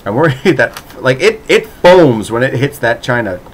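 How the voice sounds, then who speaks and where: A streamer with a very animated, mid-range voice chats casually with his chat at a moderate pace. He's sarcastic and playful, breaking into mock-dramatic outbursts and often restarting while laughing.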